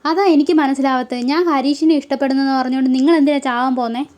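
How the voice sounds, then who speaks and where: A woman playing a defiant young woman from a serial recap who snaps back at her family. the voice is high and the retorts are sharp. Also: steady tone, fast talker, natural voice.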